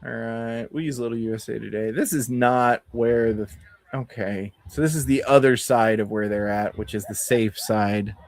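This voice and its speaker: A man's voice: mid-range voice, fairly even intonation, normal speed, no echo. Sardonic man streaming with a cold. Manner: profane, sardonic, chatty. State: has a cold. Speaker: livestream host. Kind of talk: casual livestream commentary. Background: faint background music.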